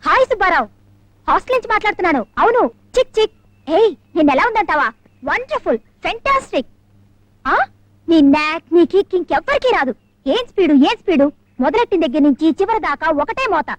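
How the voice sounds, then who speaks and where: A woman's voice: extremely high pitch, sing-song, fairly quick, dry recording. A woman playing a flighty young daughter in an old film comedy, giggly and mixing in English words. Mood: giddy. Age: young adult. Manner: giggly, mixes English words, repeats a pet phrase. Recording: dry old film soundtrack with music.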